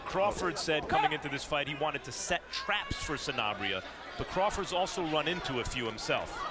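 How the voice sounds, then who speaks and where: A man giving live boxing analysis, explaining in deliberate phrases. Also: on the high side, lively intonation. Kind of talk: live sports commentary.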